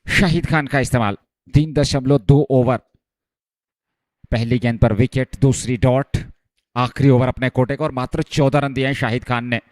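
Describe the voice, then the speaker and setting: A male cricket commentator calling a match live, with excited delivery when the action picks up. His voice sits at a medium pitch, and the sound is close and dry. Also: moderate pace, no echo.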